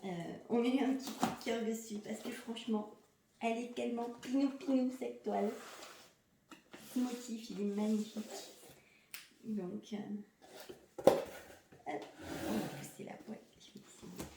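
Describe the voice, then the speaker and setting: A woman chatting enthusiastically in a casual unboxing vlog, sometimes slipping into a soft half-whisper and moving away from the mic. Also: on the high side, steady tone, measured pace, pauses often, roomy sound, noisy background. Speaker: crafting vlogger.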